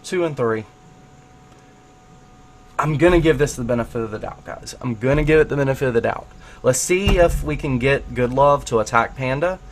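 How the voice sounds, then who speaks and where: Slight background noise surrounds a man whose medium-pitched voice moves at normal speed as he hosts a casual game replay commentary. Between hiccups, he muses aloud while checking what the player did, becoming excited at his findings.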